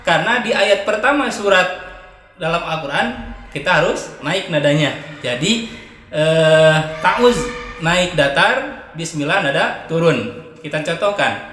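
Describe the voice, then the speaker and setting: A man teaching Quran recitation, switching between quick, soft explanations and drawn-out, melodic chanted verses. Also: on the high side, animated, reverberant, big-room sound. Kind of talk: Quran recitation tutorial, sung examples.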